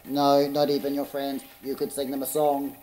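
A man voicing a male robot from the future, speaking in a flat mechanical monotone. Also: mid-range voice, moderate pace, slight background noise, pitched below the performer's own voice, lightly acted, poor audio. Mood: lecturing.

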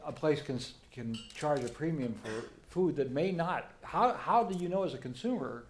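A man's voice: a little high, lively intonation, normal speed. Man moderating a stage panel. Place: large auditorium stage.

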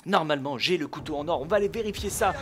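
A man giving live, jokey gameplay commentary, shouting out his kills. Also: a little high, lively intonation, racing. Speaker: gaming video host.

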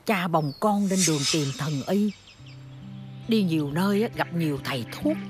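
An actress with a Southern Vietnamese accent playing a kindly, chatty middle-aged village aunt who tells stories animatedly. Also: female voice, on the low side, moderate pace, music in the background, natural voice. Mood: somber storytelling.

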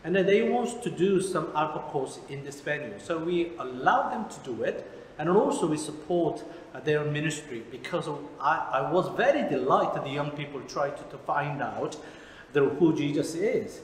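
Korean guy pastor, 40s, halting english with lots of ums, big echoey church hall. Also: fairly high pitch, lively intonation, slight background noise. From South Korea. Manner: halting non-native English with many fillers. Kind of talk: interview. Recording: echoey hall with background music.

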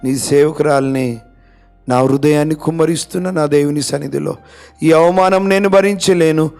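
A man's voice: on the high side, fairly even intonation, moderate pace, creaky, darkish tone, soft background music. A man preacher speaking as a humiliated woman pleading in tearful prayer. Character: grieving, humiliated woman pouring out her heart.

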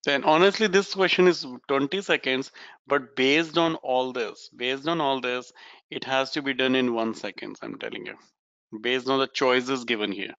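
Bright, clear-voiced Indian male teacher. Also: mid-range voice, moderate pace, no room sound, lo-fi sound. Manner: encouraging, conversational, mixes Hindi into English. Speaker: physics teacher. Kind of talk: informal online lesson, explaining problems to students. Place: indoors, online class over webcam.

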